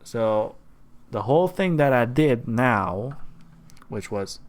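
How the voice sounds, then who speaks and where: A man's voice: mid-range voice, expressive, takes it slowly. A man streaming a game, chatting casually and reading the on-screen text aloud.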